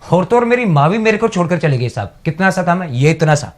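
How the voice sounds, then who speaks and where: A man's voice: high-pitched, very animated, brisk. A man in a stage monologue, playing an orphaned village man who tells his master of the childhood he lost, wistful and pleading. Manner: wistful and pleading, keeps addressing "sahib". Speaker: actor in a monologue contest.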